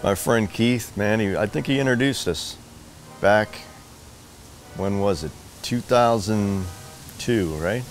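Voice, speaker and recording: A man who acted in the film, telling an animated, laughing anecdote from the shoot. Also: lowish voice, takes it slowly, pauses often, music in the background. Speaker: actor. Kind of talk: documentary interview.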